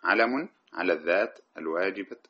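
A man's voice: low-pitched, expressive, fairly quick, slightly rough. A man teaching a classical grammar text as a lecture, explaining it line by line, chanting the verses he cites and correcting himself as he goes. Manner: explains verse by verse, chanting cited poetry lines; corrects himself mid-sentence. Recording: dull lo-fi recording.

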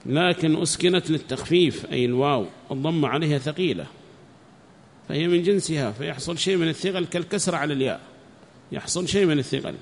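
A man teaching a religious text, reading each phrase and then repeating it slowly with explanations. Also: on the high side. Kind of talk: classical text lesson with commentary. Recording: long reverb.

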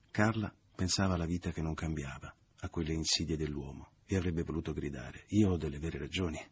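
A man narrating a classic novel as an audiobook, in a measured, subdued and expressive reading. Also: extremely low pitch, breathy edge.

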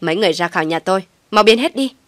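A woman's voice: lowish voice, fast talker, fairly bright tone, dry recording, close to an everyday voice. A woman voicing a furious, jealous young wife who screams and curses. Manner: screaming, cursing. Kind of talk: storybook narration with acted voices.

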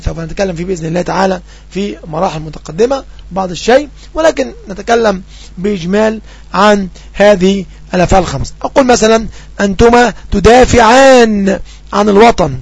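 A man with an Egyptian accent teaching Arabic grammar. He asks quick questions and answers them himself, and slows down to read out the example sentences. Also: high-pitched, vocal fry, slightly rough, dry recording. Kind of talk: grammar lesson.

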